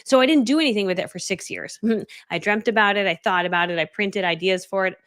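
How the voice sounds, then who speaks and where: A woman in her forties from Connecticut, a business coach telling her story on a casual live stream, chatty and animated. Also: medium pitch, fast talker, smooth. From Connecticut, USA. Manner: chatty, animated, quoting herself, many "like" fillers.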